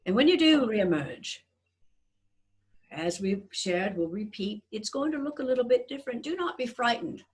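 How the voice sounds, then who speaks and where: A woman speaking as a trance channeler, like a seance medium, guiding listeners with deliberate, portentous, reassuring phrasing as in a guided meditation. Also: a little high, lively intonation. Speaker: trance channeler leading a group session.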